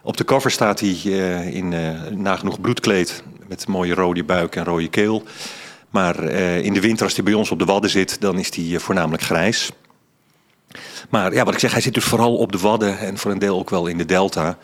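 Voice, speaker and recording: A middle-aged man, an author and science journalist, speaks in a low voice at a moderate pace. He explains things in a casual interview, with lots of ums and restarts.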